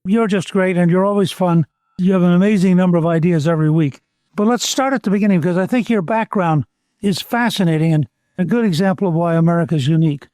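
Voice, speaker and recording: An older man hosting an interview podcast, asking questions in a measured, complimentary way. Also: high voice, darkish tone, dry recording, clean studio sound. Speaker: podcast host. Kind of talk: interview talk.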